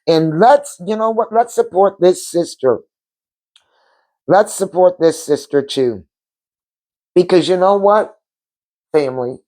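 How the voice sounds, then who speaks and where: A channel host with a deep, mellow voice talks from her couch at home. Her casual spiritual chat is heartfelt, and she repeats words for emphasis.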